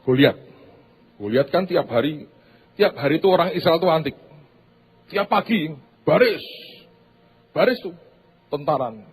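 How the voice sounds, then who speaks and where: A man preaching a sermon as pastor, telling stories that swing from loud bursts to hushed asides. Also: a little high, expressive, a little slow, long pauses, husky.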